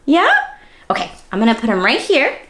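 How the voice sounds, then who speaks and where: A high-voiced woman runs story time for small children, reading at a fairly quick clip. Her animated delivery swoops up and down with playful, exaggerated surprise, and she questions her young listeners directly in this interactive read-aloud.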